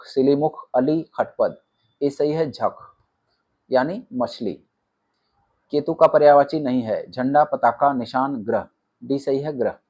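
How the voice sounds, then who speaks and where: A man teaching an exam-prep class, reading out multiple-choice options and then stating which one is correct. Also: mid-range voice. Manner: reads options, then states the answer flatly. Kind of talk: rapid-fire quiz answer walkthrough.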